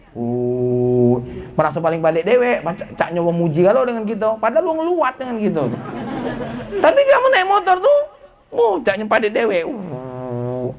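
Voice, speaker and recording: A middle-aged man, preaching a lively sermon to students and mimicking them in little dialogues. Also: high-pitched. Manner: animated, breaks into slow singing, mimics students in dialogue. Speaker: preacher and head of a modern Islamic boarding school. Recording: faint background noise.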